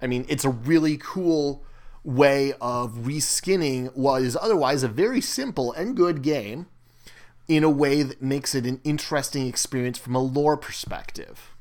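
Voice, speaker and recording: A man's voice: medium pitch, moderate pace. A man co-hosting a casual board game discussion, talking in a loose, rambling way with fillers and restarts. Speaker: co-host.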